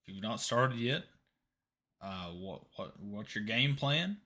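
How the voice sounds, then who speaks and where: A man's voice: fairly low pitch, lively intonation, slow pace, sharp tone. A man in his mid twenties hosting a casual live stream, chatting easily and tossing questions to viewers. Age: 20s. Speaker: livestream host.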